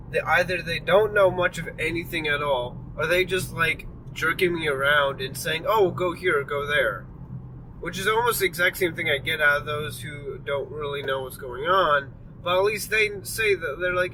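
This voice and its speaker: A tired young man rambling through a casual driving vlog, full of fillers and apologies. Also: fairly high pitch. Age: young adult. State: tired and yawning. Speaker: vlogger. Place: inside a moving car. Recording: distant mic with clear road noise.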